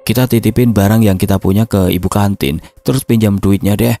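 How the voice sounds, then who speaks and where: A man's voice: lowish voice, steady tone, fairly quick, vocal fry, mellow. A man voicing a confident, scheming teenage schoolboy.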